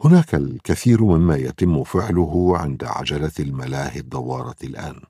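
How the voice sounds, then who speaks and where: A man reading a children's storybook aloud in a calm, expressive narrating manner. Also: rumbling low, brisk, slightly rough, no echo, clean studio sound. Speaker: audiobook narrator.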